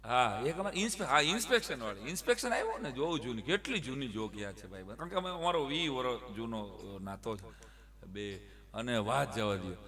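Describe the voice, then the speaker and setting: A man telling comic stories live, acting out the people in his tales with sudden shouts and bits of broken English. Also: mid-range voice, fairly quick. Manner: animated, acts out characters with sudden loud shouts and broken English. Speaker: stand-up comic storyteller. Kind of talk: live folk comedy storytelling.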